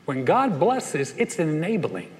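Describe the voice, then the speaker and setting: A pastor with a drawl preaches to his church, his voice sitting a little high for a man. He tells homey, joking stories and stumbles into restarts as he goes. His words ring out with a long reverb tail through the sanctuary. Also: wildly swooping pitch, takes it slowly. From Southern US, raised in North Carolina. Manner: humorous, anecdotal storytelling with frequent restarts. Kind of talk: sermon. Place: church sanctuary, live service.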